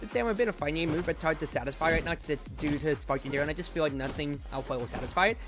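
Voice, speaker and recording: A man streaming a game, chatting casually and rambling, with loud outbursts when the play gets exciting. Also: on the high side, very fast, music in the background. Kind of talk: casual gameplay commentary.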